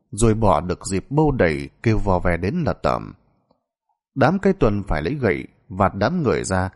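A man narrating a dark folk tale in a dramatic, expressive storytelling style. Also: lowish voice.

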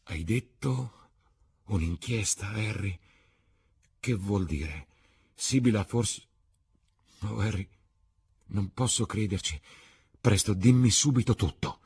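Male narrator as a husky, distraught young man, impulsive and pleading, storybook drama. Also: on the low side, sing-song, takes it slowly, long pauses, voice pushed up, full character voice. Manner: cries out, breaking into sobs.

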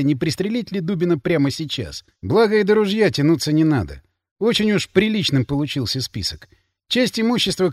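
A man narrating first-person fiction in an expressive, dramatic reading. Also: a little high, no echo, clean studio sound. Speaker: audiobook narrator.

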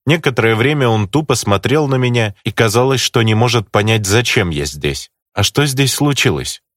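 A man narrating a first-person audiobook in an expressive, storytelling way. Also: medium pitch, moderate pace, no echo, clean studio sound.

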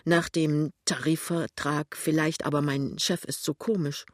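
A woman's voice: low-pitched, fairly even intonation, measured pace, no room sound, clean studio sound. A woman reader voicing a shy young clerk and husband, talking hesitantly in an audiobook. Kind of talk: audiobook reading.

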